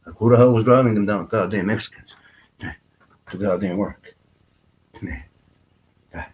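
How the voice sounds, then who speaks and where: A man's voice: on the low side, moderate pace, darkish tone, slight background noise, low-quality recording. A man talking in a rambling personal vlog, full of fillers, restarts and frequent swearing.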